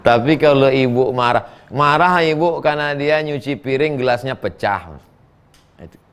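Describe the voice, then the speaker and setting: A middle-aged man preaching, reading listeners' questions and answering them in a folksy, joking way, his voice swinging between high and low as he acts out quotes. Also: unhurried, a bit bright, a little hiss or hum. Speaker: Islamic preacher. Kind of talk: sermon answering read-out questions.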